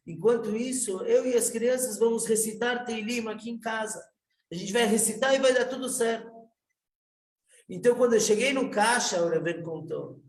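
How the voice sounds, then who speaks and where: Guy doing a poor faithful man, earnest, voice pushed high, roomy echo. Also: darkish tone, close to an everyday voice. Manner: earnest, fervent telling.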